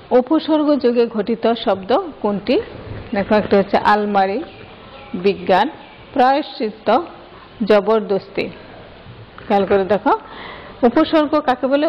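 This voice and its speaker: A woman's voice: mid-range voice, a little hiss or hum. A woman teacher explaining grammar step by step and putting questions to her students. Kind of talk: grammar lesson. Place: classroom. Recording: dull lo-fi sound with long hall reverb.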